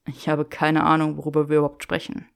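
A woman voicing a lovestruck young wizard, speaking low and wry. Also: completely flat delivery, quick pace, gravelly, clear, resonant tone. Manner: murmured, wry.

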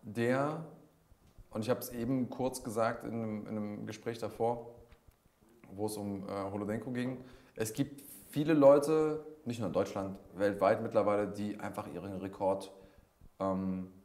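A man's voice: lowish voice, fairly even intonation, normal speed, a little mellow. A man hosting a conversational live-stream sports interview, talking at length in an encouraging way. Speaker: combat sports show host, interviewer.

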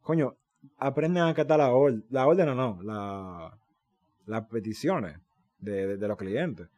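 A young man with a Dominican Spanish accent tells stories in a loose, slangy way on a casual podcast. His pitch jumps up and down as he gets worked up, and he swears freely. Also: a little slow. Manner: animated, slangy storytelling with swearing. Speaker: podcast co-host. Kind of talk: casual chat.

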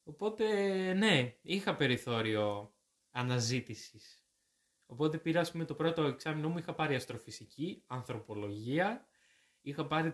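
A young man from Greece chatting as a guest, telling animated stories and correcting himself as he goes. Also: fairly high pitch. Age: young adult. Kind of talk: casual chat.

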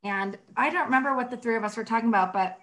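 Woman author guest, relaxed and chatty, voice a little high. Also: racing, rough recording. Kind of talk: casual chat.

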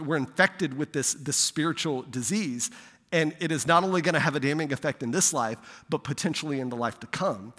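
A male pastor giving a conversational sermon who swells louder for emphasis and often checks in with "right?". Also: fairly high pitch, big-room sound. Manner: conversational preaching, rising loud for emphasis, frequent "right?".

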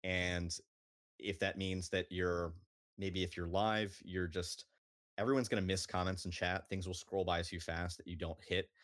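A man's voice: deep voice, flat delivery, unhurried, fairly bright tone, no room sound, studio quality. A man in natural unscripted talk, a streamer on a panel thoughtfully explaining his view with examples.

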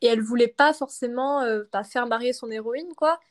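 A woman's voice: a little high, a little fast. A young woman speaking French as her own language, chatting casually as a podcast host, rambling and hesitant with many fillers and laughs. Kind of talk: casual chat.

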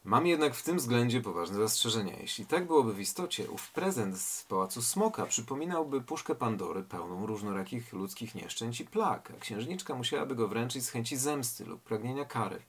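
A man's voice: medium pitch, expressive, fairly quick, few pauses, a bit bright, slightly rough. A man reading a tale aloud and commenting on it reflectively, asking rhetorical questions. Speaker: reader and literary commentator.

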